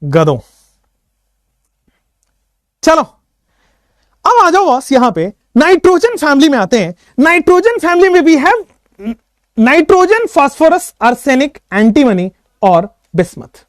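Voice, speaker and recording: A male chemistry teacher with a high, bouncy voice that swoops up and down as he jokes with his students. He talks in a playful, teasing way and chants memory tricks in a sing-song. The sound is dry and close, with no room around it. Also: measured pace, dry recording. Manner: playful, teasing, mixes English phrases; lively, sing-song when reciting mnemonics. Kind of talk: casual online lecture.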